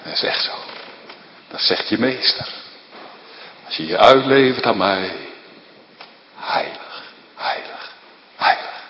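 A pastor preaching a sermon with passion, rising to loud declarations and dropping to hushed questions. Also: male voice, on the low side, measured pace, pauses often, lo-fi sound, slight background noise. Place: church hall. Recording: echoey church hall, long reverb.

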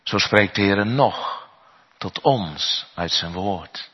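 A man's voice: fairly low pitch, slow, breathy edge. A man preaching a sermon as a pastor, earnest and full of rhetorical questions, in a church. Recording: echoey hall, dull sound.

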